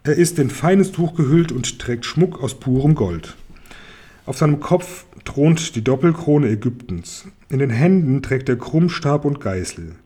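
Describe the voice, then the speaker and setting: A man narrating a children's audiobook in a calm, expressive storytelling manner. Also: mid-range voice, measured pace, slightly rough.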